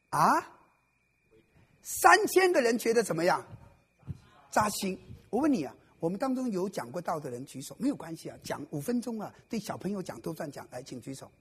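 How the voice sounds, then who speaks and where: A man's voice: sits high, a bit bright, breathy edge. A man preaching a sermon to a live congregation, quizzing his listeners and cracking jokes. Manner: playful, jokes and quizzes the audience. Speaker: pastor. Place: church service before a congregation.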